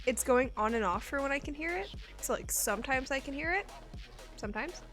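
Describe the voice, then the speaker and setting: A woman's voice: sits high, expressive, a little fast, a bit bright, faint music behind. A woman streamer in casual live-stream chat, chatty and self-mocking, laughing often and swearing casually.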